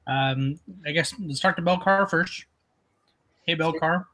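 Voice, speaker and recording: A man's voice: fairly high pitch, measured pace, pushed and bright. A man playing a tabletop game, thinking aloud hesitantly as he asks the game master questions. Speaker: player.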